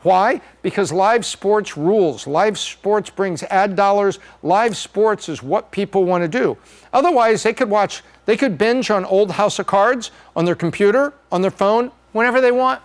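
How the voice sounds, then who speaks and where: A man's voice: high-pitched, measured pace. A middle-aged man hosting a podcast, walking through charts in a chatty, joking way. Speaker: podcast host.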